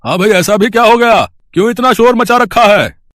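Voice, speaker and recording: A man voicing a wry, teasing older father-in-law in a fairly high voice. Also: normal speed, fairly bright tone, no echo, clean studio sound. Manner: wry, amused.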